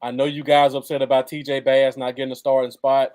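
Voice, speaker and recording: A man's voice: medium pitch, little pitch movement, brisk, darkish tone. An American man chatting casually as co-host of a live football fan show. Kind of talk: casual live sports chat.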